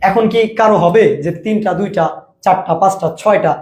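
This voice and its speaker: A young male teacher with a colloquial Bangladeshi accent, his voice high for a man, lectures students in a casual style. He keeps asking whether they understand and stretches example words out slowly. The recording carries a roomy echo. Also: fairly even intonation, darkish tone, slight background noise. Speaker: admission coaching teacher.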